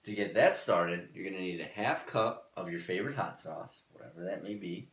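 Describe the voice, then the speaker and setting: Man co-host, deep voice, dry teasing banter, cooking demo in an echoey kitchen. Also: normal speed, fairly bright tone. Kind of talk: casual cooking demo chat. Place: kitchen studio.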